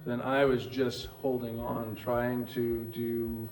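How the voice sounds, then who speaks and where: A middle-aged man from New Hampshire, a former pro football player, telling his story in an interview with many pauses and restarts. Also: medium pitch, flat delivery, a little mellow, faint music behind. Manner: rambling, halting, with many restarts.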